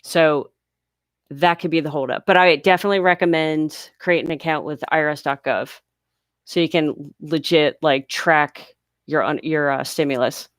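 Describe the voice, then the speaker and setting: Hosting a casual live Q&A from her home near a large US city, a woman with a deep voice reads viewer questions aloud and patiently explains them. Her sinuses are blocked, making her sound congested. She speaks at normal speed with fairly even intonation, and the sound is clean, studio-like, and echo-free.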